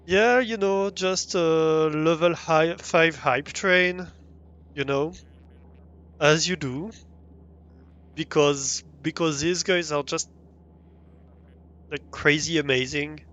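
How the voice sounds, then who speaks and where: Slow-talking French-accented young man streamer. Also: on the high side, a bit bright, highs cut off. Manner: hesitant, many fillers and restarts. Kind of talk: live game stream chat. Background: faint music.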